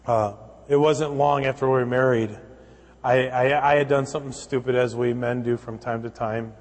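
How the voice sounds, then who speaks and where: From a church pulpit, a pastor delivers a sermon as his mid-range voice trails into a long hall reverb. He tells stories and acts out their dialogue before building to emphatic, insistent preaching, keeping a steady tone at a moderate pace.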